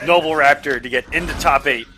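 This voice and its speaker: A man's voice: a little high, a little fast, bright, forceful tone, low-quality recording. A man commentating live on a fighting game tournament as an esports caster. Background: music and game audio.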